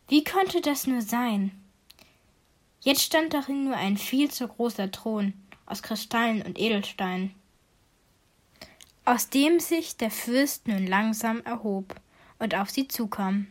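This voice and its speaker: A woman reads a children's fairy tale aloud, calm and soft, her voice slightly high. She keeps a gentle, even storytelling manner. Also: slow, long pauses. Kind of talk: scripted children's story narration.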